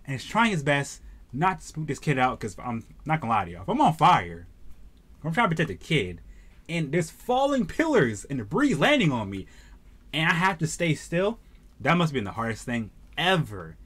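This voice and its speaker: A man casually reviewing an anime, retelling the plot as an excitable, slangy storyteller. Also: a little high, normal speed, husky.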